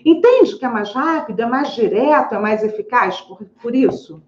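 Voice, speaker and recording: A woman psychologist talking to camera in her office, animated and chatty, often tagging on questions. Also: on the high side, normal speed. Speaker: psychologist, channel host. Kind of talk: casual educational talk to camera. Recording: echoey room, slightly dull audio.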